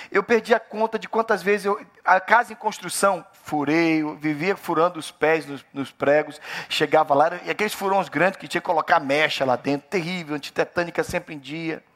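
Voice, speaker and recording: A man's voice: on the high side, fairly bright tone. A middle-aged Brazilian man with a Brazilian Portuguese accent, preaching a sermon in a church and questioning the congregation directly. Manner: preaching with rising, emphatic repetition. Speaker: pastor.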